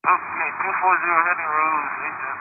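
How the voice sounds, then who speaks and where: A male airline pilot making terse, steady calls over a headset radio transmission. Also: fairly high pitch, brisk. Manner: clipped, steady under pressure. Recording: tinny noisy radio archive audio.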